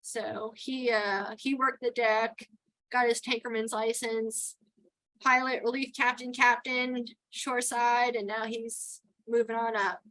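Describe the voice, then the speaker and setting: Unhurried and flat in delivery, her voice on the high side and a bit bright, a middle-aged New Yorker with a Texan accent and traces of New York chats as an interview guest, often laughing. She works as a towboat port captain. The recording is low quality.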